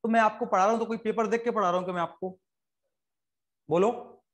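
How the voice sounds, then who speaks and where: A man with an Indian accent teaching a biology class, joking with students and telling quick stories in a lively lecture. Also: high-pitched. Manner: joking, animated, fast-talking lecturer who puts on quick voices for stories.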